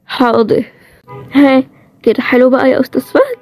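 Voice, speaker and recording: A woman voicing a sharp-tongued young heroine with an Egyptian accent, in a bantering, higher-pitched way. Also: expressive, fairly quick, soft background music. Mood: teasing. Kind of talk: storybook role-play series.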